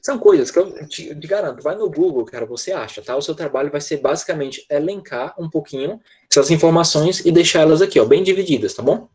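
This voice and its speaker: A man's voice: fairly high pitch, lively intonation, fast, hardly any pauses, darkish tone, slightly rough. A man teaching English in an online class, explaining step by step and checking often that students follow. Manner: explanatory, with frequent "tá?" check-ins.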